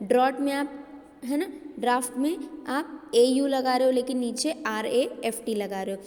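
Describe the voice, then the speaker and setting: A woman's voice: high voice, fairly even intonation, measured pace, darkish tone, big-room sound. A woman English teacher giving a classroom lecture, checking understanding with frequent tag questions and spelling words out letter by letter.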